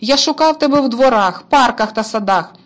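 A cheerful, teasing big brother with a hunting rifle, bright and upbeat in a high, lively storybook voice, as a woman puts him on. He jokes easily and sounds untroubled. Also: brisk, close to an everyday voice. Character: cheerful boy's older brother, a hunter. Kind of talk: storybook reading.

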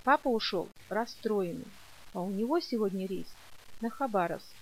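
A woman reading an audiobook and voicing a gentle, worried mother who asks perplexed, pleading questions. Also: medium pitch, expressive, normal speed, poor audio. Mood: bewildered. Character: gentle bewildered mother, worried and soft-hearted.

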